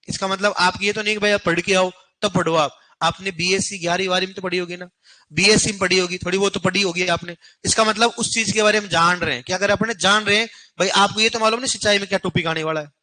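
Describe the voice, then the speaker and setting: Young guy teaching agri coaching class, bright sharp voice, blunt and scolding. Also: sits high, rough recording. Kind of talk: classroom lecture scolding students.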